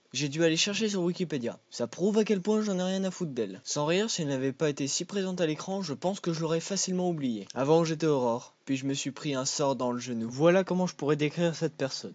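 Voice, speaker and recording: A man's voice: a little high, a little mellow, no room sound. A young man hosting a comic film review video, irreverent and crude in his jokes.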